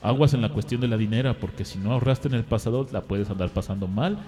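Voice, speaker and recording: A man's voice: fairly low pitch, fast talker, warm tone, faint music behind, lightly acted. A man with a Mexican Spanish accent voicing a campy, flamboyant male fortune teller who sighs theatrically between predictions. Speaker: radio comedy character.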